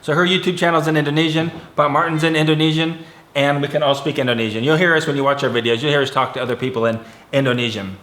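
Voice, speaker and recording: A man's voice: fairly high pitch, fairly even intonation, fast, a bit bright. A man, explaining things patiently and teasing his family in a casual Q&A. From California, USA. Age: 40s. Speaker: family vlogger, father. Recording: echoey room.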